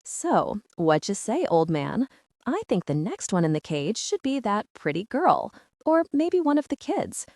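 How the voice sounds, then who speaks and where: A woman's voice: medium pitch, big pitch swings, a little slow, a little mellow, dry recording, clean studio sound, voice pushed up. A woman voicing a cruel male vampire raider king who taunts with false friendliness. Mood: gloating.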